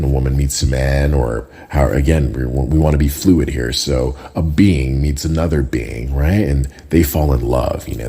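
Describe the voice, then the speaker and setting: Deep, husky-voiced Jamaican-born man. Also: dark tone. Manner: conversational, often tags lines with "right?". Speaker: podcast host. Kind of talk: casual solo podcast talk.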